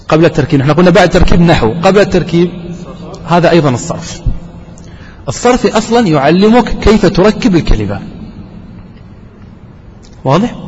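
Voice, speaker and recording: A man with a fairly high voice teaches a grammar lesson. He keeps asking the class questions and then answers them himself. The recording is dull, and a long reverb rings around him in a lecture room. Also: a little mellow, a little hiss or hum.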